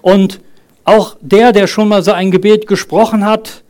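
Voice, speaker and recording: A man's voice: high-pitched, flat delivery, unhurried, a little mellow. A man in his thirties preaching a sermon in an earnest, conversational way, asking the congregation questions and leading a prayer. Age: 30s. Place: church service.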